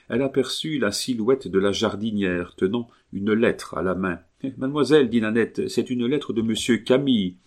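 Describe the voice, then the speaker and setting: A man reads a classic novel aloud as an audiobook. His voice sits very low. He tells the story in a measured, expressive way. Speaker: narrator.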